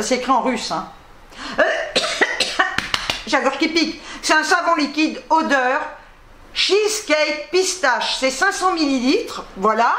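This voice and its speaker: A woman hosting a casual haul vlog, rambling fast and reading product labels aloud, tripping over her words. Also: sits high, fairly bright tone. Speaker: YouTube host. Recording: echoey room.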